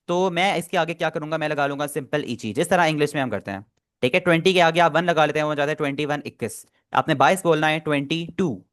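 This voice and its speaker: A man's voice: a little high, fairly bright tone. A man teaching an online language class, patiently repeating and explaining pronunciation step by step.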